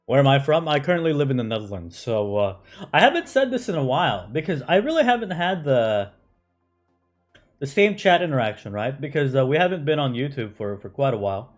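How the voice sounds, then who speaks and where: A man streaming a game, talking loosely to his chat at a middling pitch. He leans on fillers and tags his points with "right?". Soft music plays underneath. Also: big pitch swings, fairly quick. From United States. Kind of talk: casual live-stream commentary answering chat.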